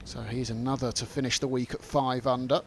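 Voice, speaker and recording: A man's voice: mid-range voice, little pitch movement, fairly quick, slight background noise. A man working as a golf commentator, giving live play-by-play of the shots and scores.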